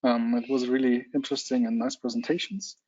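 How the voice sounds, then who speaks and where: Mellow guy wrapping up a webinar, thanks everyone, announces next date, muffled call audio. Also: medium pitch, steady tone, a little fast, slightly rough. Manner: formal, courteous closing remarks. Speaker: event organizer. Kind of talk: closing announcements for an online talk. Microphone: video call.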